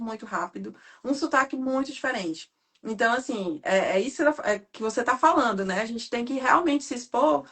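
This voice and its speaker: A woman from Ceará with a Cearense Brazilian Portuguese accent, hosting a casual live interview and telling stories quickly and animatedly. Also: on the high side. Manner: fast talker, animated storytelling. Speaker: host.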